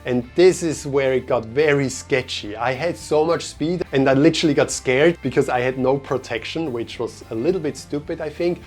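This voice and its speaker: A young man who grew up in Switzerland, telling a story in a relaxed, chatty vlog style with many fillers. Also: mid-range voice, normal speed, few pauses. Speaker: vlogger. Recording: faint music behind.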